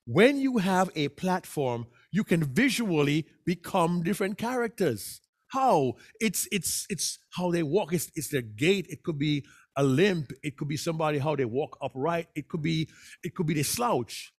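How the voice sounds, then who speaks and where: Man, workshop presenter, very expressive pitch, teaching delivery. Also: moderate pace, husky. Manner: animated, acts out voices. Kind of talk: public speaking workshop talk.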